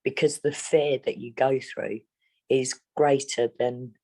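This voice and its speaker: A woman's voice: rumbling low, fairly even intonation, darkish tone. A middle-aged woman from England, speaking bluntly and steadily as an interviewee. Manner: blunt, plain-spoken, measured. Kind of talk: candid interview.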